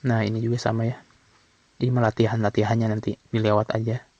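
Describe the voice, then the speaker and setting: A man teaching from an Arabic textbook in a casual way, reading phrases slowly and then explaining them quickly. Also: on the low side, level tone, darkish tone, dry recording. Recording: dull, slightly lo-fi sound.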